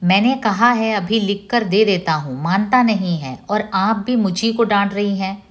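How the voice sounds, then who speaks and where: A woman's voice: mid-range voice, measured pace, lightly acted. A woman reading the part of a stubborn, hurt boy who defies his family, speaking insistently and pressing each word. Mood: defiant.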